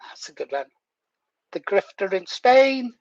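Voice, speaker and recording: A man's voice: high voice, big pitch swings, unhurried. A man over sixty, chatting casually to viewers as he hosts a livestream. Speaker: livestream host. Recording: muffled, echoey room.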